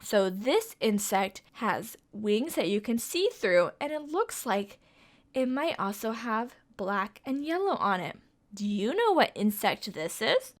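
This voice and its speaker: A lively woman with a somewhat high voice reads a picture book aloud to kids, going a little slowly. She's a children's storytime reader with a sing-song manner, coaxing her young listeners with questions.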